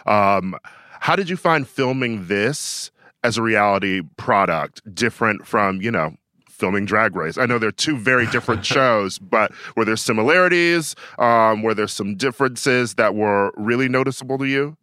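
A man's voice: on the low side, moderate pace, sharp tone, clean tone, no room sound, studio quality. A man hosting a podcast, delivering introductions and questions. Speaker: podcast host.

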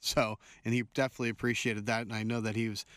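Male podcast host, chatty and easy, smooth resonant voice, dry studio sound. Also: on the low side, flat delivery, fast talker, fairly bright tone, no echo. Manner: easy, chatty linking between clips. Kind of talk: hosted sports podcast.

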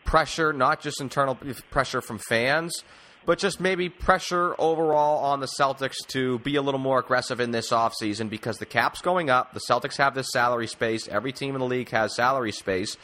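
This sports talk podcast host speaks in a mid-range voice, fairly quickly, with a pushed, bright delivery. He interviews and signs off the show in an emphatic, wordy announcer style over a music bed.

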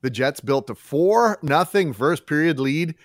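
A man's voice: on the high side, animated, unhurried, no echo, clean studio sound. A man hosting sports radio, reading out a game recap.

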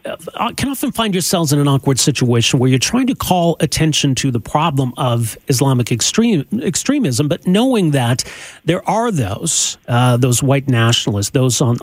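A man hosts a talk radio program in a measured, earnest tone. His voice is slightly husky and is recorded dry on a close studio mic. He often repeats words as he works his way into a question. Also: mid-range voice, no room sound. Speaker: radio talk show host. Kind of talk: radio talk show commentary. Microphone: studio microphone.

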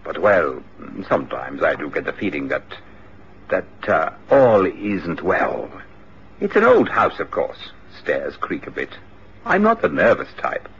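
A man's voice: extremely low pitch, huge pitch swings, a little slow, gravelly, fairly bright tone, slight background noise, full character voice. An actor playing an anxious grown son who grows flustered and protests when he is questioned. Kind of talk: radio drama acting. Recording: muffled radio drama recording.

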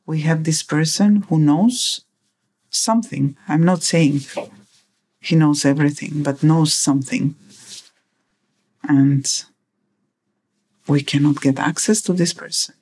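A woman's voice: deep voice, slow, pauses often, mellow, slightly rough. A woman being interviewed as a missing person's mother, speaking hesitantly and searching for words.

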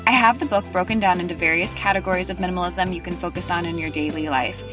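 A woman's voice: on the low side, fairly even intonation, fast talker. Earnest woman podcast host over music. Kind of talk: scripted intro then interviewing.

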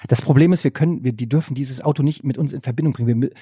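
A man playing a panicky, bossy husband hiding after a bank robbery, stammering and hushing in an improvised comedy sketch. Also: medium pitch, breathy edge, no room sound, lightly acted. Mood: scheming. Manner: hurried, stammering, hushed bossing.

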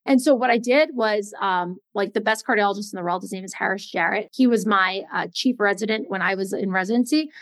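A woman cardiologist in casual podcast chat, telling stories in an animated way with many fillers. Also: mid-range voice, a little fast, hardly any pauses, dry recording. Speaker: cardiologist guest.

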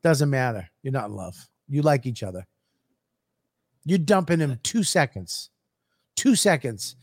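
A man's voice: mid-range voice, big pitch swings, measured pace, no room sound, clean studio sound. A man co-hosting a podcast in casual banter, rambling with stammered restarts and teasing his co-host.

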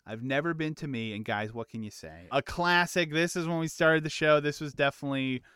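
Clear, dry-sounding man hosting a podcast. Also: fairly high pitch, fairly quick, fairly bright tone, dry recording. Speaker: podcast host. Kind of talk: casual comedic chat.

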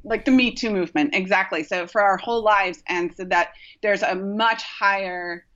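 A woman's voice: mid-range voice, moderate pace, fairly bright tone, highs cut off. A woman acupuncturist talking casually as a podcast guest, rambling with many fillers and restarts. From Rochester, New York.

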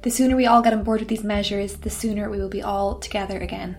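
A woman's voice: mid-range voice, fairly even intonation, fast talker, a little mellow, soft background music. A woman reading a scripted podcast promo in an earnest, pleading way.

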